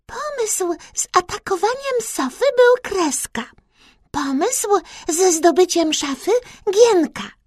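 A woman's voice: big pitch swings, slow, no echo, clean studio sound, exaggerated voice. A woman voicing a bossy little girl mouse who plays a haughty princess in a children's story. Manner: squeaky, haughty.

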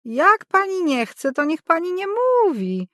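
A woman reading an audiobook, voicing a curious, nosy middle-aged landlady in a raised, louder voice. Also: big pitch swings, measured pace, no echo, studio quality, full character voice. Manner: prying, high and loud.

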